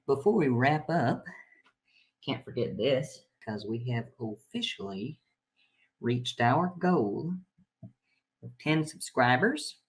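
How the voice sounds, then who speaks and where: An earnest, lonely young man played by an actor talks haltingly and politely to a stream from a small bedroom. His voice sits at a middle pitch and sounds awkward. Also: sing-song. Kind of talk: acted livestream and phone talk in a found-footage film.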